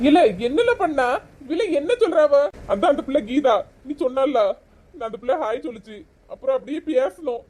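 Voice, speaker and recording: A woman's voice: high-pitched, lively intonation, a little fast, darkish tone. A woman acting in a comedy sketch, exasperated, mixing English words into her talk.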